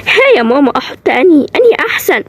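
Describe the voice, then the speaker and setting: This is a woman doing an excitable little girl in a storybook-style animated drama, speaking with an Egyptian accent. Her voice is high and whiny, nagging and insisting without letup. A soft hiss of noise sits underneath. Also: racing. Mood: pleading. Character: excitable young girl pestering her mother.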